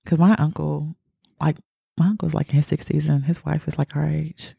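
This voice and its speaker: A woman's voice: low-pitched, little pitch movement, normal speed, creaky, dark tone, slightly rough, no echo, studio quality. A woman co-hosting a podcast in casual chat, talking loosely with slang and laughing often. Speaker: podcast co-host.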